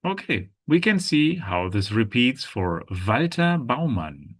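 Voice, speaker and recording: A man teaching German pronunciation, speaking slowly and deliberately and repeating each word several times. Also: mid-range voice, sing-song. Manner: slow, deliberate, repeats words with gestures. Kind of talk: language lesson.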